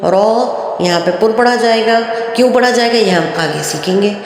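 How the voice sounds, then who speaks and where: Woman teacher in an echoing hall. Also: mid-range voice. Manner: patient, explains slowly and repeats each letter in a drawn-out chant. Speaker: Quran reading teacher. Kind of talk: step-by-step recitation lesson. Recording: very echoey room with long reverb.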